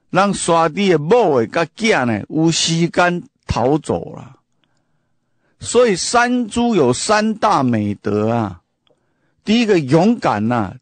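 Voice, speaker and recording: A man's voice: fairly high pitch, no echo. A man who grew up speaking Hakka hosts a casual storytelling monologue. He talks emphatically, asks the listener many rhetorical questions, and repeats and restarts his phrases. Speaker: host.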